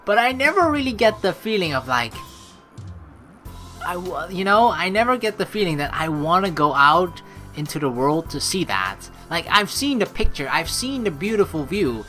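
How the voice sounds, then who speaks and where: A woman with a fairly low, fairly bright and very animated voice gives chatty, rambling let's play commentary at a moderate pace. She reads the game aloud and reacts playfully, with game music running beneath her voice.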